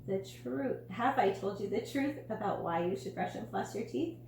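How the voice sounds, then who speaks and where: A woman's voice: medium pitch, lively intonation, normal speed, vocal fry, darkish tone. A woman voicing a friendly, enthusiastic dentist in a read-aloud storybook, asking questions in an emphatic teacherly way. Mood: explaining. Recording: roomy room with faint hum.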